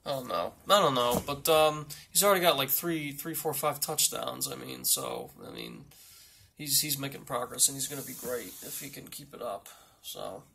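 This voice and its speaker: A man playing a blunt football coach at a mock press conference, rambling and repeating himself in halting answers. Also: mid-range voice, very animated, vocal fry, sharp tone, a little hiss or hum, full character voice.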